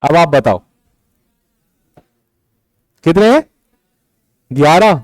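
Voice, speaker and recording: A man's voice: on the high side, expressive, extremely slow, no room sound, rough recording. A young man teaching a class, patiently explaining step by step and counting syllables aloud. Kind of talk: classroom lecture on Hindi prosody.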